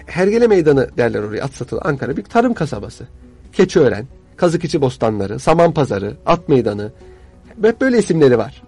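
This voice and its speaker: Husky man telling stories quickly. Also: mid-range voice, sing-song, a little mellow, faint music behind. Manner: measured storytelling, courtly old-fashioned phrasing. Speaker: guest historian. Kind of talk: relaxed studio conversation.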